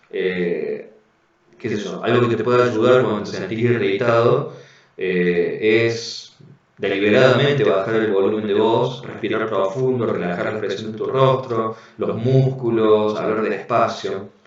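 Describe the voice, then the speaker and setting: Man teaching in a very echoey room. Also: fairly low pitch. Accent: Rioplatense Spanish. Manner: calm explanatory, frequent tag questions. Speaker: instructor. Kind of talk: online class lecture. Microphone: video call. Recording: very echoey, dull lo-fi audio.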